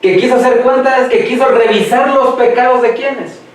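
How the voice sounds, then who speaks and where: High-voiced male preacher in echoey hall. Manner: asks the congregation questions and lets them finish his sentences; slows down when reading scripture aloud. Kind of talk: sermon. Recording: echoey hall, mic far off.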